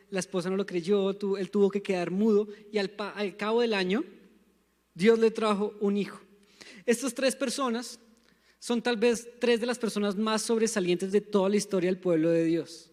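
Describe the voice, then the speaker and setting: A young man with a Bogotá Colombian accent preaches from the pulpit, his voice sitting unusually high for a man. He speaks emphatically and calls on the congregation to repeat words back. The sound rings with a long church hall reverb. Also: steady tone, normal speed, darkish tone. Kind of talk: sermon. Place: church sanctuary.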